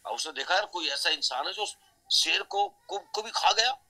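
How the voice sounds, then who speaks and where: A man's voice: high-pitched, expressive, moderate pace, bright, forceful tone, low-quality recording. Chatty middle-aged male sales trainer. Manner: chatty, keeps checking with listeners. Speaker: network marketing trainer. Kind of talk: motivational storytelling talk.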